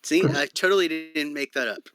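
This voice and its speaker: A man's voice: a little high, normal speed, a bit bright, no room sound. A man playing a tabletop game, describing his character's actions in a dry, matter-of-fact way. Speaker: player. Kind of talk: casual tabletop game talk.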